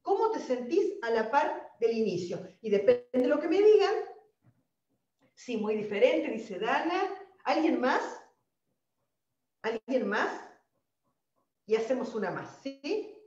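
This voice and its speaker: A woman's voice: on the high side, slow pace, pauses often, echoey room, far from the mic, lo-fi sound. A woman with an Argentine accent hosting a live-streamed spiritual wellness talk, emphatic and speaking straight to her viewers. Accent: Argentine Spanish. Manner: animated, emphatic, addresses viewers directly. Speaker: holistic wellness host.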